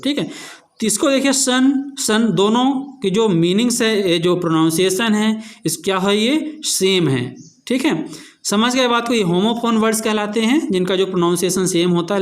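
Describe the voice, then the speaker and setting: A man teaching a revision lesson, spelling words out letter by letter and answering his own questions as he explains. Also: sits high.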